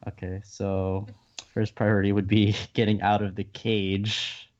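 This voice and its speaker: A man's voice: on the low side, little pitch movement, measured pace, darkish tone. A man playing a tabletop game, hesitant and thinking aloud. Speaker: player. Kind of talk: casual tabletop play. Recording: dull lo-fi mic.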